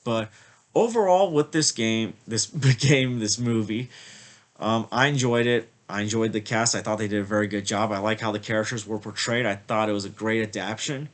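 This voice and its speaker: Speaking at normal speed in a fairly low voice, a man offers a casual review of a film. He sniffles a little because of a slight cold, and his rambling talk is heavy on "like" and "I feel like."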